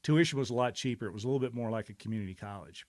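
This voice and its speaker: A man's voice: medium pitch, very fast. A middle-aged man hosting a casual live stream, talking in a rambling, reflective way with many fillers and restarts. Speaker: show host.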